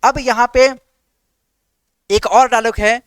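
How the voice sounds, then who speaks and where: A man teaching an exam-prep reasoning class online, firing quick questions about letter positions and answering them himself in a steady call-and-response drill. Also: very high voice, smooth, no room sound. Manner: repeats "ठीक है" as a filler. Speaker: reasoning teacher for government exams.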